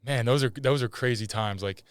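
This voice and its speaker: A man's voice: mid-range voice, normal speed, clean tone, no echo, clean studio sound. A young man hosting a casual podcast interview, laid-back and slangy, saying "bro" and "like.". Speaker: podcast host.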